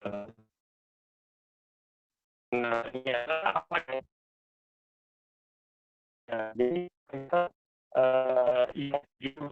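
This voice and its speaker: A man giving an online presentation over a video call. His audio keeps breaking up and cutting out, and he speaks haltingly with many fillers and restarts. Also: mid-range voice, smooth, no room sound. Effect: choppy audio that keeps cutting out, like a breaking-up line. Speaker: webinar presenter. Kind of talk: online presentation of survey figures. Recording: tinny phone-like online call with music behind.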